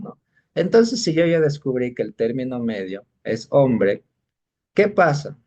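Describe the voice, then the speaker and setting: A man's voice: medium pitch, a little mellow. A male teacher giving an exam-prep lesson, explaining patiently and often stopping to check that students are following. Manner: patient explaining, keeps checking in with short questions.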